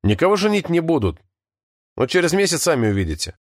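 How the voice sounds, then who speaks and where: Sardonic teen boy, blunt, raised pitch, read by a man, dry sound. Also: very animated, fast talker, no room sound. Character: teenage boy with a limp, sardonic.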